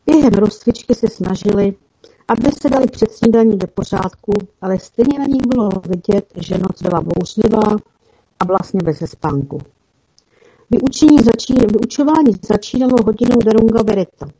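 A woman narrating a children's fantasy story in an even, careful reading style with small slips. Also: mid-range voice. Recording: dull lo-fi recording.

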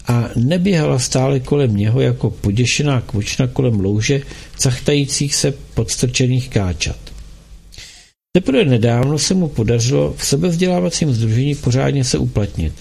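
Gravelly, husky male storyteller. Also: medium pitch. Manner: measured, expressive storytelling. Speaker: narrator. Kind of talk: reading a novel aloud.

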